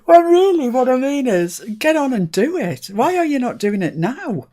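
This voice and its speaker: On her live crafting stream, a woman born in Scotland chats casually and laughs frequently, recorded through a live-stream setup. Her voice sits high and is very animated, with a dark tone and normal speed.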